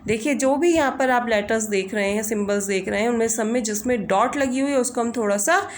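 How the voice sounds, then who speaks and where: Female teacher, unhurried and patient, slightly high voice, faint room noise. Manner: slow, patient, drawn-out demonstration of vowel sounds. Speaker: English phonetics teacher. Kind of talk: slow explanatory lesson over a screen recording.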